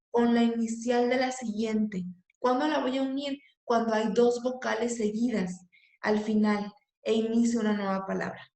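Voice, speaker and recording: Gravelly woman teaching. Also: fairly high pitch, a little mellow. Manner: patient, checks in with "ok?" often. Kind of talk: lesson on poetry metrics. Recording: echoey room.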